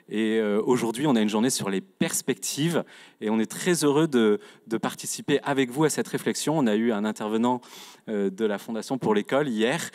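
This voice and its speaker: A man moderating a panel, introducing speakers in a semi-improvised, explanatory way with hesitations. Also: medium pitch.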